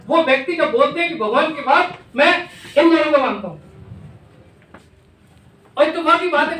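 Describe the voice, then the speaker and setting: In a meeting room, a middle-aged man gives a business team an emphatic motivational talk in a very high, slightly bright voice. He repeats his points and throws out rhetorical questions. The room echoes, the mic is far away, and there is faint noise.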